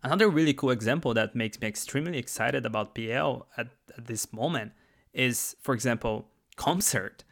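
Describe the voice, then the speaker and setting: A brisk, gravelly, mid-range male voice with a slightly bright edge. He's a Brazilian man in his twenties, a native Portuguese speaker with a Brazilian Portuguese accent, hosting a solo podcast in a chatty, enthusiastic style full of restarts and asides.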